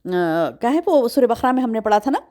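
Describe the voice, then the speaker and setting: Animated woman teaching scripture. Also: on the high side. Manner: recites Arabic verse then explains it, asks the class questions; animated, acts out quotes. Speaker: Quran teacher. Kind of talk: religious lecture.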